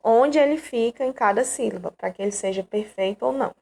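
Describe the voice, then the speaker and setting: A woman's voice: on the high side, fairly quick, gravelly, a little mellow. A woman from Brazil teaching an online grammar lesson, explaining patiently and checking in with her students often.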